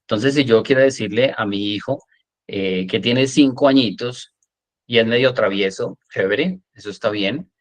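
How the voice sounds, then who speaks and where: A man lecturing a workshop class, animated, often checking in with "¿sí?" and acting out examples. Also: mid-range voice, moderate pace. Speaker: coach teaching a workshop.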